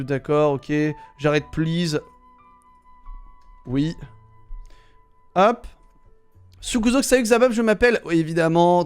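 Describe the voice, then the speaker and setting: A man's voice: on the high side, clean tone. A man streaming live, reading viewer messages aloud and commenting on them with wry jokes.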